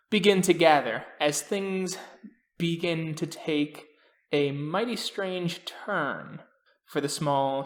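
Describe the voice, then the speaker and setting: A man narrating a tabletop game as game master, in a dramatic, drawn-out way. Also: a little high, fairly bright tone.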